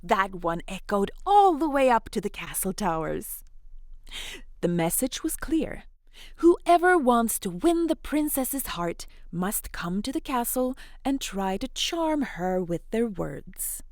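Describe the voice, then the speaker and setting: A woman's voice: on the high side, takes it slowly, dry recording, clean studio sound. A woman telling an interactive fairy tale to children in a playful, encouraging, chatty way. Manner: encouraging, animated, chatty asides to young listeners. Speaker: storyteller, host of interactive children's fairy tales.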